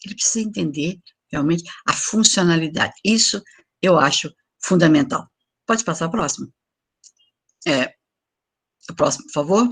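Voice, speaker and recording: A woman's voice: low voice, moderate pace, long pauses, husky. An older woman giving an online lecture to teachers, explaining examples and asking for the next slide. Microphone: video call.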